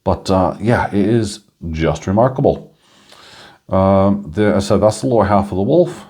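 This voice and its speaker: Male channel host, low-ish mellow voice, relaxed chatty coin review with chuckles and fillers. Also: unhurried. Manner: chatty, chuckling, frequent ums and uhs. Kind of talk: casual coin review narration.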